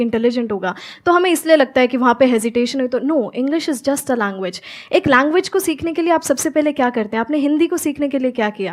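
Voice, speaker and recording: A young woman from Haryana, a guest giving earnest answers in an interview and mixing Hindi with fluent English. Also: sits high. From Haryana, India. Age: young adult. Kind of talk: answering interview questions on stage.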